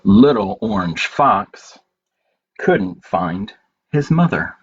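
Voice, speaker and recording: Reading aloud at home, a library storytime host talks simply with young listeners in a fairly low, sing-song voice that is slow and a little breathy. The home recording sounds dull, with background noise.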